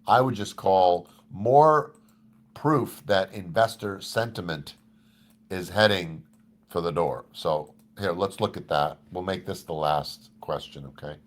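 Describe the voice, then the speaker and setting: A man's voice: low voice, slow pace. A man teaching options trading in a casual live Q&A, thinking aloud and reading figures off a screen. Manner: conversational, thinks aloud with restarts, walks through numbers on screen. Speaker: trading educator.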